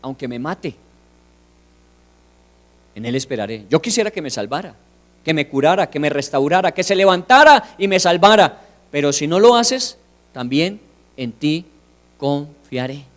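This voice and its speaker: A man preaching a sermon, firing rhetorical questions and swinging from hushed asides to loud declarations. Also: fairly high pitch, animated, measured pace, pauses often. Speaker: pastor.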